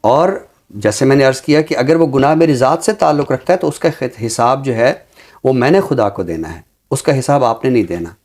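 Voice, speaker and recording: Earnest and deliberate, a male talk show commentator sets out his perspective in measured phrases rich with literary vocabulary. He has a mid-range, somewhat mellow voice.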